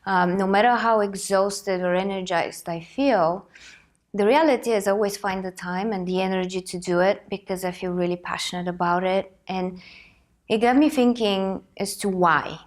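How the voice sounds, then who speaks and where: Here the Bulgarian host, a woman in her thirties with a cold, speaks at a moderate pace with fairly even intonation. Her mid-range voice carries an earnest, reflective motivational talk in which she thinks aloud.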